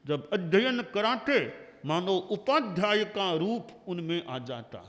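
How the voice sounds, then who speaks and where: Older male spiritual teacher, sermon delivery: unhurried, high and animated pitch, long hall echo. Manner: slow, measured teaching with examples and pauses. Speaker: Jain acharya giving a discourse.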